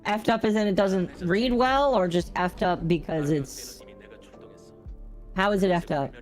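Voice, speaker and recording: A woman's voice: medium pitch, a little slow, soft background music. A woman streamer chatting casually while she plays a game, her voice run through a robotic voice changer that makes it sound metallic. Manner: chatty, amused running commentary. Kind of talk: casual live-stream chat while gaming.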